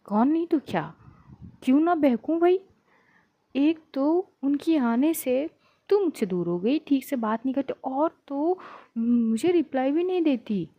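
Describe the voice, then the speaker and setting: A woman's voice: sits high, expressive, measured pace, highs cut off, pitched above the performer's own voice. A woman voicing Janvi, a clingy, teasing young woman student, bantering playfully with her best friend in a spoken love story.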